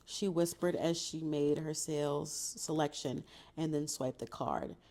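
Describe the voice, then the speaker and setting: A woman's voice: low-pitched, steady tone, unhurried, warm tone. A woman reading a novel aloud and breaking off for casual, profane reactions. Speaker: book reader and reactor.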